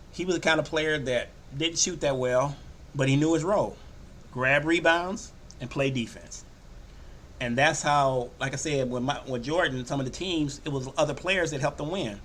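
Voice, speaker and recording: An older man hosting a sports podcast, talking casually and loosely, often slipping into animated quoted voices. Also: medium pitch, a little hiss or hum. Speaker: podcast host. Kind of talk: casual sports talk monologue.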